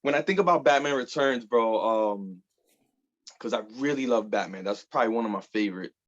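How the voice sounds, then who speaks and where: Speaking briskly in a medium pitch, this thirty-something man from the Bronx, New York, is a guest artist chatting casually in an interview. Fillers and casual swearing run throughout, captured with lo-fi sound.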